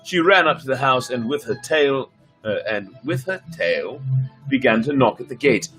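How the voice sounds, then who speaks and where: Background music accompanies a storyteller streamer giving dramatic read-alouds on a casual livestream, theatrical in delivery and full of playful asides to his viewers. His medium-pitched voice is a bit bright, moving at a normal speed with lively intonation.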